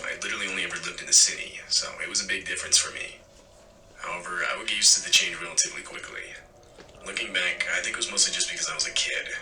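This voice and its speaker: A man reading a first-person story aloud in a steady narration, played back from a video. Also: low-pitched. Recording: echoey, distant, faint hiss.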